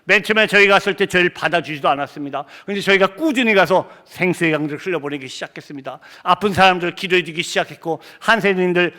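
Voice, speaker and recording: A middle-aged man preaching a sermon in a church, impassioned and building toward near shouts as he tells of his mission work. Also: high-pitched, quick pace, hardly any pauses. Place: church sanctuary.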